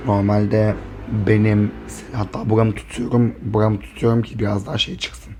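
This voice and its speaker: A hoarse man chatting casually to camera in a vlog, talking softly and rambling to spare his voice. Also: fairly low pitch, level tone, normal speed, a little hiss or hum. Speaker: vlogger.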